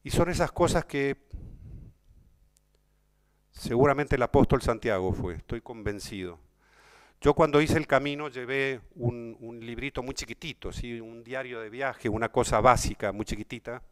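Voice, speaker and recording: Argentine man with a smooth, clear voice. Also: medium pitch, moderate pace. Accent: Argentine Spanish. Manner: emotional, conversational, repeats himself; addresses listeners directly. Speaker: speaker at a talk. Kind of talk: personal storytelling to an audience.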